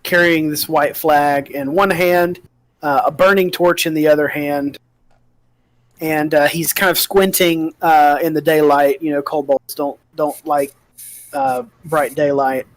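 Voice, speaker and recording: A man narrating a tabletop game as game master, improvising in a halting, hesitant way with many pauses. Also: on the high side, steady tone, no room sound.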